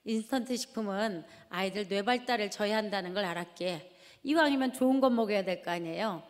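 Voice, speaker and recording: A woman's voice: mid-range voice, a little fast. A middle-aged woman from Jeonju, giving a storytelling testimony sermon and asking the audience questions as she acts out scolding. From Jeonju, South Korea. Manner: animated, asks the audience questions and acts out shouting at her children. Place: large church hall. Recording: reverberant large hall.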